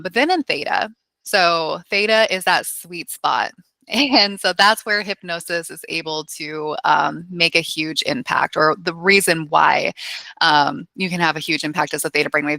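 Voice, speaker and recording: A woman hypnotherapist, a podcast guest, explaining hypnosis in a casual, animated way with frequent laughs and fillers. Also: sits low, moderate pace, creaky, no room sound.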